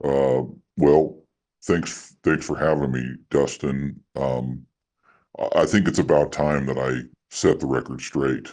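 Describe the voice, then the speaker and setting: A man voicing an anonymous male critic through a disguised, pitched-down deep voice, talking in a measured, needling way. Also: steady tone, a little mellow, exaggerated voice. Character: anonymous male critic hiding his identity, smug. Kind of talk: comedy bit on a podcast.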